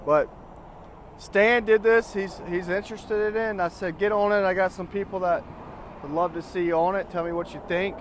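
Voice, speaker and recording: Man, slightly high voice, casual dealer explaining a product, informal, faint outdoor noise. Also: steady tone, normal speed. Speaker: mobility scooter dealer. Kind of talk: casual product chat with a customer.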